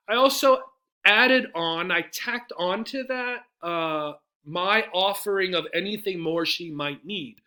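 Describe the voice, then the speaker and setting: In a bright, clear-cut voice pitched slightly high, a man gives an English lesson. He keeps it conversational, breaking points into small steps, often checking that listeners follow, and speaking model phone-message phrases as examples.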